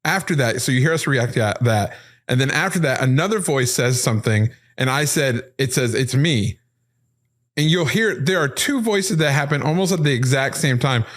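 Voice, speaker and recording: A man hosting a paranormal podcast, explaining recorded clips step by step in an excited, casual way. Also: mid-range voice, fairly quick, hardly any pauses. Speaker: podcast host.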